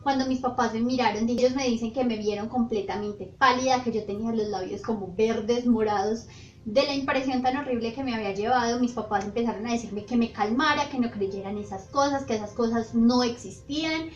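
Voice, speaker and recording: A woman's voice: a little high, a little fast. Young woman telling spooky stories. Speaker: vlogger. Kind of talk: storytime narration. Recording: roomy, slightly dull, faint music. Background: faint background music.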